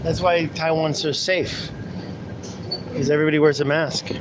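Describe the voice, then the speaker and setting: A man with a voice on the high side speaks flatly at normal speed through a pulled-down mask into a handheld camera mic. He's livestreaming from a city bus, rambling casually to his viewers while the engine and traffic rumble behind him.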